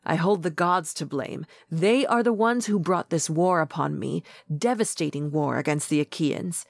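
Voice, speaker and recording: A woman playing a gentle old king. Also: low-pitched, normal speed, vocal fry, no room sound. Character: aged grieving king, gentle and wondering.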